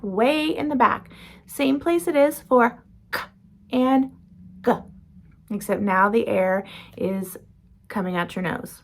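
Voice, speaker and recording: A woman teaching beginner phonics, slowly demonstrating each speech sound and how the mouth makes it. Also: on the high side. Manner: slow, careful demonstrating of sounds. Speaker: reading and spelling teacher. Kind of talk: phonics lesson.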